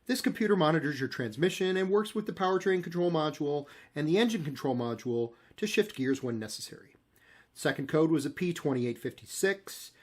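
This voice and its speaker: A man with an American accent explaining and narrating as the host of a car video. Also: on the high side. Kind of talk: explanatory tutorial and storytelling narration.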